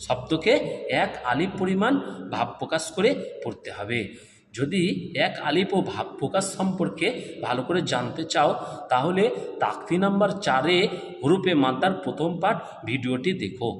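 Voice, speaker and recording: A man teaching Quran reading, chanting letter drills slowly in a sing-song way with a Bengali accent. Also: on the high side, expressive. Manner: slow, sing-song repetition of syllables. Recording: echoey room with long reverb, faint background noise.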